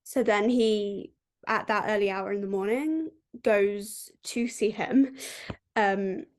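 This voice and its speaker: Chatty woman with a mid-pitched voice. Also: slow. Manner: chatty, heavy use of "like" fillers. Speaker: podcast co-host. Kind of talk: casual book recap chat.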